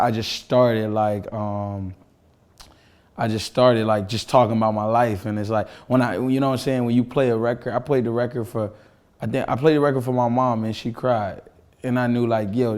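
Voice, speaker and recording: A twenty-five-year-old man talks casually with his crew in a relaxed interview. His voice sits a little low, and he keeps filling his sentences with "you know what I'm saying.". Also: normal speed. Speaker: rapper, crew member.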